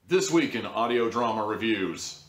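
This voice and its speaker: In an echoey room, a man reviews an audio drama through a rambling, sarcastic monologue, his pitch occasionally leaping upward for emphasis.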